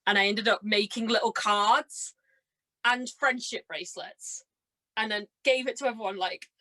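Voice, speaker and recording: The recording is poor, but this podcast guest, a woman in her twenties, comes through at medium pitch with a steady, pushed, bright tone and moderate pace. She chats casually, giggling as she tells enthusiastic anecdotes and acts out quotes.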